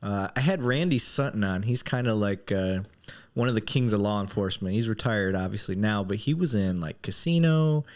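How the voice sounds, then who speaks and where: Low-voiced man hosting a casual podcast. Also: lively intonation, normal speed. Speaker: podcast host. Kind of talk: casual chat, informal hosting.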